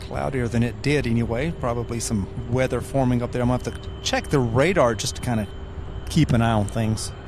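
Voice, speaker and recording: A man's voice: medium pitch, brisk. Chatty man livestreaming amid aircraft noise. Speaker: plane spotting livestream host. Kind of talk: casual live commentary. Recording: noisy outdoor livestream with aircraft sound.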